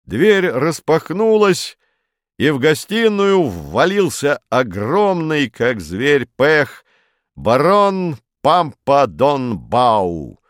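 A man narrating a literary audiobook in a measured, expressive way. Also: fairly high pitch, dry recording, clean studio sound.

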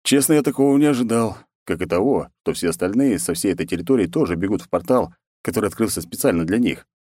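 A man narrating a first-person audiobook in a wry, sarcastic storytelling manner with lively character quotes. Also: low voice, fast, no room sound, studio quality.

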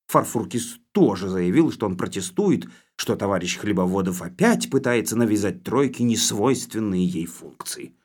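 A man reading an audiobook aloud with lively, expressive storytelling. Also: lowish voice, moderate pace, hardly any pauses. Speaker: audiobook narrator.

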